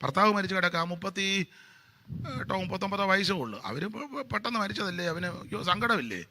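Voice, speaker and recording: A man preaching a sermon as pastor, building to loud emphatic peaks and dropping low for mocking asides. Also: lively intonation, brisk, a little hiss or hum.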